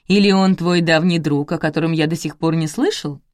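A woman reads a blunt male investigator in an audiobook, his questions quick and ironic. The voice sits low. The sound is close and dry. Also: no echo, natural voice. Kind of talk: audiobook character reading.

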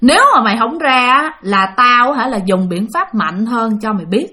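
A woman's voice: on the high side, animated, moderate pace, sharp tone. Woman voicing a stern threatening aunt. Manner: scolding, repeated demands.

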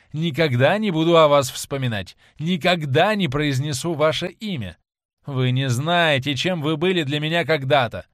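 A man's voice: a little high, dry recording, lightly acted. A man reading the part of a cruel young man in an audiobook, scornful and raising his voice, recorded dry. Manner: scornful, raised voice.

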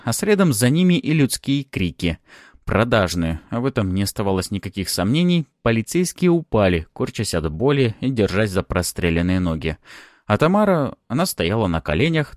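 A man narrating a first-person audiobook in a smug, expressive manner. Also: fairly low pitch, no echo, clean studio sound.

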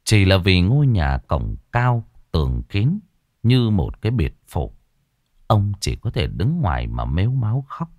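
Low-voiced, lively male story narrator. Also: unhurried, dry recording, studio quality. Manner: dramatic storytelling. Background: faint music.

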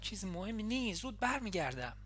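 A woman reading an audiobook, voicing an earnest, playful young man in love with soft, intimate lines. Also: mid-range voice, very animated, breathy edge, voice pushed up. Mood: hushed.

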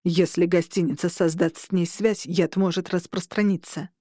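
A woman's voice: on the low side, fairly even intonation, normal speed, mellow, no room sound, natural voice. Woman reading a panicky scholar guy, urgent, strained, dry close sound. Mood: desperate. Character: frightened man, a magical scholar.

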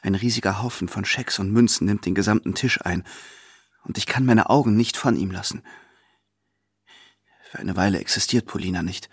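A man narrating a classic novel in the first person, his voice husky in a medium register. He reads in a measured way, leaning into the drama of each scene. The sound is close and dry, with no room around it. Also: on the low side, dry recording. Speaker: reader.

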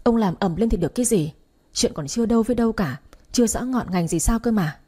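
A woman voicing an agitated middle-aged mother-in-law who shouts reproaches at her husband. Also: on the high side, expressive, quick pace, husky, voice pushed up. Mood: scolding.

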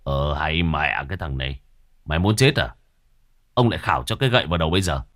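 A man's voice: a bass voice, animated, quick pace, dry recording, studio quality, voice pushed down. A man doing a bullying village tax official. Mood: gruff. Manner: gruff and bullying, shouting in panic.

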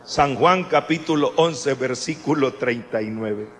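A man preaching a sermon in an animated way, with chatty asides to the congregation. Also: mid-range voice, a little slow.

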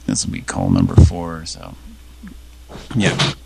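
A man hosting a prank call show in loose, wry chat, with swearing dropped in as he goes. His voice is very deep and gravelly. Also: sing-song, slow pace, a little mellow. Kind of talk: casual chat.

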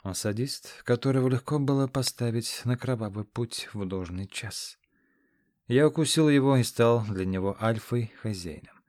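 A man narrating a first-person fantasy story in a measured, grave manner. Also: medium pitch, darkish tone, no echo, clean studio sound. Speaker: audiobook narrator.

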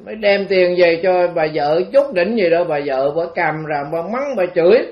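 A man's voice: sits high, moderate pace. Monk, man, Southern Vietnamese accent, loose rambling dharma-talk storytelling, muffled lo-fi tape. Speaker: Buddhist monk. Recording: dull lo-fi recording.

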